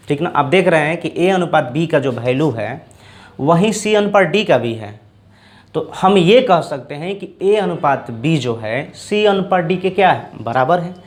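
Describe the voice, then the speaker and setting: A male math teacher giving a board lesson, repeating each term slowly and checking in with his students. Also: fairly high pitch. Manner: repeats terms slowly, checks in with "ठीक ना" and "दोस्तों".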